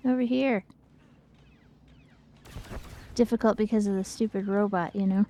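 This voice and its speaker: A woman co-hosting a livestream chats casually while playing a video game. Her voice is mellow and medium in pitch, with a steady tone and a quick pace.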